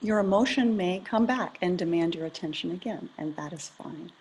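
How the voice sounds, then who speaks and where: A middle-aged woman leading a guided meditation, talking in a calm, gentle, measured way. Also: on the low side, husky. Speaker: meditation leader.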